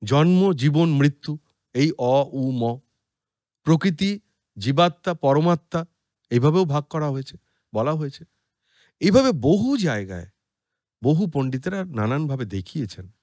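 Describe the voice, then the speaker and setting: Bengali man, spiritual podcast talk, very slow and measured, animated pitch, dry close sound. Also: no echo. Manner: slow, deliberate, chanting Sanskrit verses. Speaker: podcast speaker on scripture.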